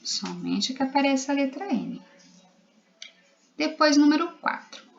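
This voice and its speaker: A woman's voice: sits high, big pitch swings, unhurried, vocal fry, muffled recording. A woman primary school teacher with a Brazilian Portuguese accent, giving a recorded literacy lesson to young children, spelling out letters and syllables patiently.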